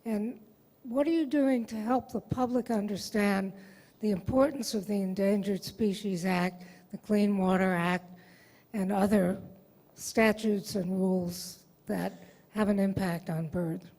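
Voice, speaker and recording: A woman in the audience asking a lecturer a measured question. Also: mid-range voice, fairly even intonation, dark tone. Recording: echoey hall.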